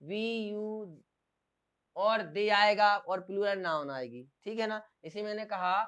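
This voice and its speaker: Clear-voiced teacher drilling a class. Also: male voice, high voice, slow, fairly bright tone. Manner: drills by asking and repeating questions. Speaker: English teacher. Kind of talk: classroom grammar lesson.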